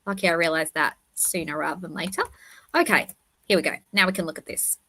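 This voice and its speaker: A woman's voice: lowish voice, fairly even intonation, quick pace, bright, forceful tone. A woman with a lisp and whistling s, chatting and correcting herself as she hosts a casual livestream commentary. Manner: rambling, self-correcting, chatty. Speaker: livestream host.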